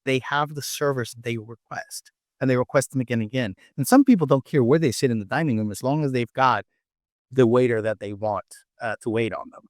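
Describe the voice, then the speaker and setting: Brisk and medium-pitched with a darkish tone, this man's voice comes through studio-quality audio without room sound. He's a Spanish-speaking restaurant owner and chef from Mexico City, with a Mexican accent, appearing as a podcast guest who answers questions conversationally and tells anecdotes.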